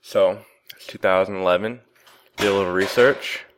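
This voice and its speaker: A man co-hosting an interview podcast, telling a personal story in a relaxed, talkative way. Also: sits low, normal speed, background noise. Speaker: podcast co-host. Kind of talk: casual interview chat.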